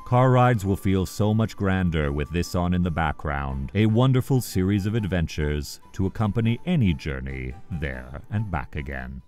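A man with a low, slightly mellow voice hosts a scripted video countdown over background music. He reads the list with enthusiasm and emphatic phrasing.

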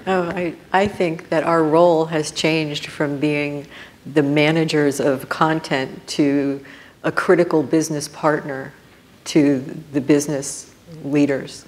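A woman speaking as a panelist on a conference stage, in a measured, reflective way. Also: low-pitched, steady tone, darkish tone. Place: conference stage before an audience.

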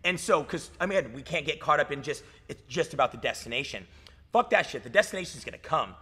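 A man's voice: fairly high pitch, animated, fast talker, bright, forceful tone, husky. A man in his thirties, a fitness coach talking in a casual podcast chat, hyped and swearing, saying "dude" and "like" a lot, recorded in a gym lounge. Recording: reverberant gym room.

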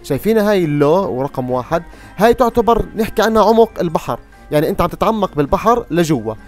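A young man giving excitable live gameplay commentary, often exclaiming at surprises, with game music behind him. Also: high-pitched, very fast. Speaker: gaming youtuber.

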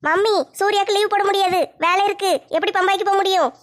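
A woman's voice: very high-pitched, fairly even intonation, fast. A woman playing a stubborn young wife. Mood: pleading. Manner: pleading, whiny protests. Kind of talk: family comedy skit.

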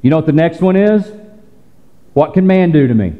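A man preaching a sermon as pastor, conversational with playful teasing asides and quick restarts. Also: on the high side, expressive, in a large hall, phone-quality sound. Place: church sanctuary.

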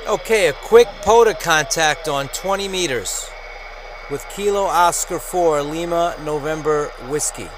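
A man with a fairly high voice talks a little slowly and casually while hosting an amateur radio channel, narrating and making contacts from a small radio desk at home. The room is noisy and full of radio static.

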